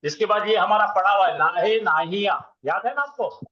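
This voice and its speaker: Man, high voice, classroom teacher, call-and-response quizzing, chanted conjugation drills, roomy echo, muffled lo-fi sound. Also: moderate pace, bright, forceful tone, slight background noise. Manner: chants verb conjugations in rhythmic lists. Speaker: Arabic grammar teacher. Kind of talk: classroom lecture. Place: classroom with students. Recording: roomy, dull lo-fi classroom recording.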